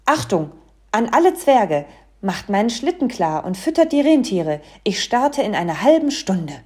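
A woman reading a storybook aloud, voicing a friendly, hearty old Santa Claus who gives commands in a booming voice. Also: expressive, unhurried, a little mellow, slightly rough.

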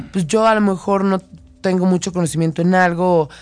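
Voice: mid-range voice, fairly quick. A co-host in casual chat, asking questions and agreeing.

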